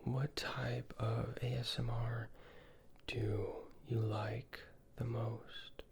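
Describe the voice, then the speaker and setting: A soothing whisper, slow and very flat, held close to the microphone. The ASMR host gently puts questions to the listener in a soft breathy voice, with a faint low rumble behind it. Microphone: close ear-to-ear microphone.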